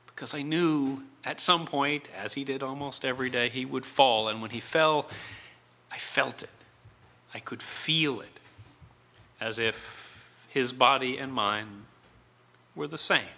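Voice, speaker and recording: A middle-aged male preacher with a very bright, sharp-edged voice at an ordinary male pitch. He gives a reflective sermon, phrasing deliberately and leaving weighty pauses between thoughts.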